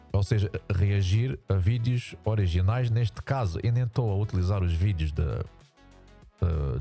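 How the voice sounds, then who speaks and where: Male vlogger, European Portuguese accent, disguised by a voice changer that makes him very low and dull, rambling casual commentary. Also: dark tone. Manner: rambling, many restarts and repetitions. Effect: voice changer, pitched down. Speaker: YouTuber reacting to a sports show.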